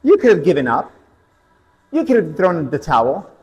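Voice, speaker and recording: A man's voice: on the high side, very animated, moderate pace, darkish tone, big-room sound, dull audio. A man coaching an indoor cycling class, telling a personal race story between motivational interval cues and countdowns.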